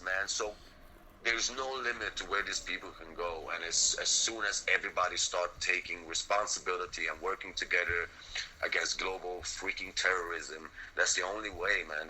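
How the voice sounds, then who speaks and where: A man's voice: on the low side, sharp tone, slight background noise, low-quality recording. A young man from Sweden, a frontline fighter talking as an interview guest, intense and blunt, swearing and saying "man" and "bro" all the time. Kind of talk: impassioned interview talk.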